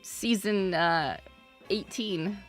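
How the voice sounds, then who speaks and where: A woman in her thirties hosting a live stream in casual chat. She teases her viewers, laughs often, and breaks into loud mock protests. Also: mid-range voice, extremely slow, faint music behind. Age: 30s. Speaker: streamer host.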